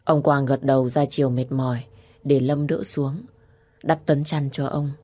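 A woman's voice: fairly even intonation, a little slow, dark tone. A woman narrating a family story aloud. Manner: reads every character herself, rising to high-pitched cries for the grieving.

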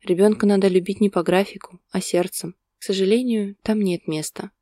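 A woman reading the part of a heartbroken young woman, speaking quietly with tearful resolve. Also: mid-range voice, fairly even intonation, brisk, dry recording, clean studio sound, lightly acted. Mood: bitter.

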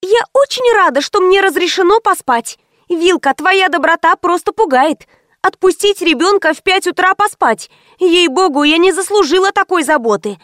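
A sarcastic, quick-tongued teenage schoolgirl, voiced by a woman reading an audiobook. She speaks high and bouncy with mocking retorts. The recording is dry and close. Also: expressive, dry recording. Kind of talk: audiobook character voice.

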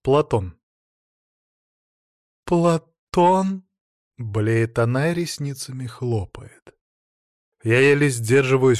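Male audiobook narrator, first-person, slow and measured, menacing undertone, dry sound. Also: medium pitch, darkish tone, no echo.

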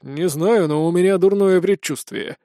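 A man's voice: high-pitched, normal speed, mellow, dry recording, studio quality, close to an everyday voice. A man playing a suspicious, jumpy henchman who talks in a flustered way. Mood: wary.

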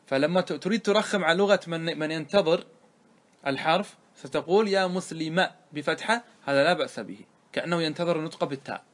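Man teaching a grammar lesson. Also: on the high side. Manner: asks the students questions and answers them himself; slows down to quote the verse. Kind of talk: explaining a grammar poem line by line.

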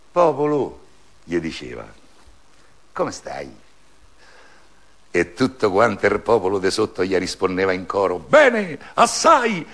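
A man reciting a satirical verse fable in a storytelling way. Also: fairly low pitch. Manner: storytelling recitation with lively swings of tone. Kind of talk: recited dialect poem.

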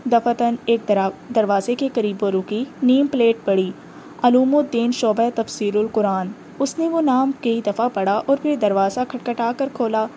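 A woman narrating a novel aloud in measured, dramatic storytelling. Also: on the high side, dark tone, slight background noise. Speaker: audiobook narrator.

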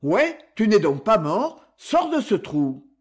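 A reader playing a gruff, bullying old miller. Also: mid-range voice, very animated, slow. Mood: scornful. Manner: scornful and threatening.

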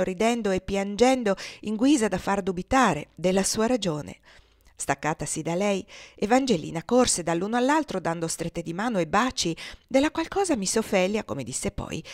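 A woman reading a classic novel aloud in a measured, steady storytelling manner. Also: mid-range voice, no echo, studio quality. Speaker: audiobook reader. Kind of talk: literary audiobook narration.

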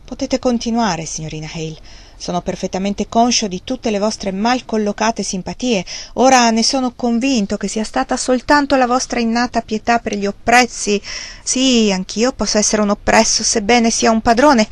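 A woman reading aloud, voicing a proud male mill owner who speaks with low, earnest intensity. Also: moderate pace, lightly acted. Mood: bitter.

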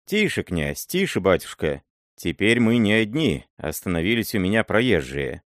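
A man voicing a timid, fawning old miller who pleads in a high, wheedling voice. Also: big pitch swings, moderate pace, fairly bright tone, no echo, clean studio sound. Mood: pleading. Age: older. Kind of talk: audiobook character voice.

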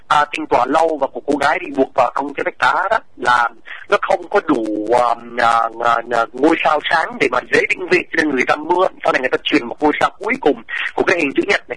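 A man presenting an educational radio talk, explaining at length, addressing listeners formally, and pausing often to hesitate. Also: a little high, bright, forceful tone, husky, no room sound, low-quality recording.

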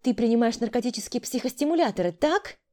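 A woman's voice: a little high, animated, fast talker, a little mellow, pitched above the performer's own voice, lightly acted. A woman voicing a stern older sister, a doctor, who interrogates and gives orders in a raised voice. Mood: accusing. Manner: commanding, interrogating.

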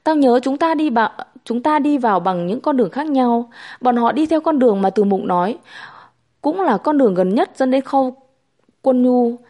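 A woman's voice: on the high side, expressive, normal speed, mellow, close to an everyday voice. A woman voicing a sneering young male rival. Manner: blunt, hostile questioning.

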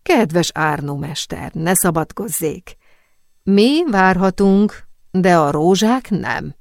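A woman plays a suave, worldly perfume master in an audiobook, calm and assured with a light teasing edge. The voice is low and close, with no room sound. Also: gravelly, dry recording. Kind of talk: audiobook character reading.

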